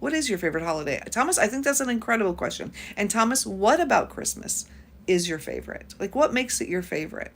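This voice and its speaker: A woman's voice: mid-range voice, sing-song, quick pace, vocal fry, a bit bright. A woman in her fifties from the United States, hosting a casual livestream chat and reading out viewer comments as she talks. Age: 50s. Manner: chatty, reads out viewer comments. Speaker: YouTube host.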